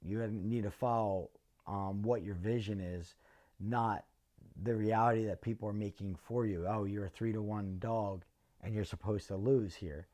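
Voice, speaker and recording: A middle-aged man speaks in a lowish, mellow voice. He answers reflectively and earnestly, with frequent pauses and filler words between his thoughts. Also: steady tone. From North Philadelphia. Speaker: interviewee, former fighter.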